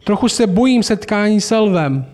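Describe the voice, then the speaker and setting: A man's voice: high-pitched, expressive, a little mellow, voice pushed up. A man reading aloud as a timid young girl in a storybook. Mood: uneasy.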